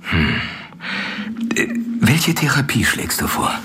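A man's voice: medium pitch, big pitch swings, takes it slowly, pushed and bright, a little hiss or hum, heavily acted. An actor playing Doctor Seward, a devoted young physician, reading his letter and talking in a radio play. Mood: anxious. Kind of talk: radio play acting and narration.

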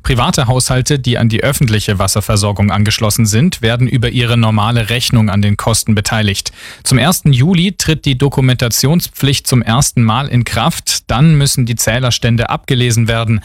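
A man reading the radio news in a measured, even delivery. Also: mid-range voice, dry recording, studio quality. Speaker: newsreader.

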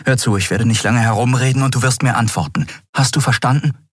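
A man's voice: medium pitch, a little fast, a bit bright, husky, dry recording, clean studio sound, pitched above the performer's own voice. A man voicing a stern young woman ship captain who questions a captive in terse, demanding lines. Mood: cold, demanding.

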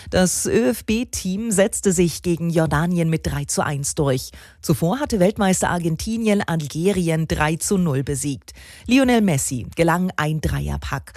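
A woman reading the news on a regional radio station in a measured, even delivery. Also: on the low side, no room sound, clean studio sound. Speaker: newsreader.

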